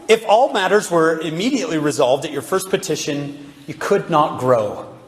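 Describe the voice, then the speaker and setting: A man with a slightly high voice gives an animated devotional talk, asking his audience one rhetorical question after another. His voice rings through a large, roomy hall and trails off in a long echo. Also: normal speed. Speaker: religious speaker addressing youth.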